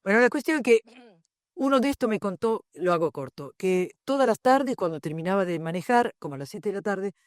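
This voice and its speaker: Mid-range, expressive, and brisk, an older Argentine woman's voice comes through in studio quality with no room sound. She presents a book in a university lecture room, reflecting, digressing, and sharing anecdotes in Argentine Spanish.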